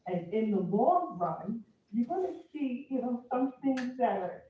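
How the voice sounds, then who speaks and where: Hesitant female caller, slow, phone-quality sound played in an echoey room. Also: on the high side, expressive, recorded from a distance. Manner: hesitant, many ums. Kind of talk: public comment by remote call. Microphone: remote call.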